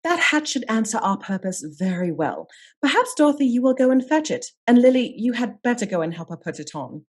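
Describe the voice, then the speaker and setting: A woman's voice: a little high, big pitch swings, fairly quick. A woman playing a shrewd, assured lady detective in a period radio mystery, speaking formally and articulately as she sets out her case. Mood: brisk, assured. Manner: articulate, formal, methodical accusing delivery. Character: shrewd, composed lady detective of Scotland Yard, commanding and assured.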